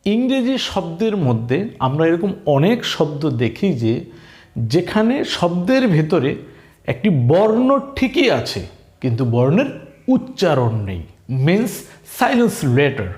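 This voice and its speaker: A man with a Bangladeshi accent teaching English, slowly spelling words letter by letter and quizzing his viewers. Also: high-pitched, very animated, darkish tone. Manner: slow, repetitive teaching, spells words letter by letter and asks questions. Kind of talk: spoken language lesson. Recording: echoey room.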